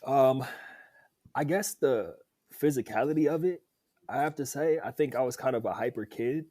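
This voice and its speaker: Here a former football player, now a young podcast guest, recounts his experiences at a moderate pace in a medium-pitched, dark voice. The conversational interview storytelling is upbeat and chatty, he laughs easily, and the audio is dry.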